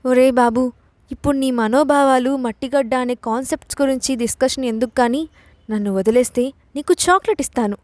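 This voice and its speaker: A woman voicing a feisty, sharp-tongued young woman who talks in a shrill, exasperated way. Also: a little fast, no echo, natural voice.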